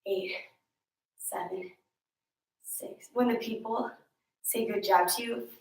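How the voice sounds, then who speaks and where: In a home room with a mirror, a fitness instructor counts out reps in a slightly high, steady, slow-paced voice. She fills the breaks between sets with chatty, joking asides, and the sound is distant and echoey.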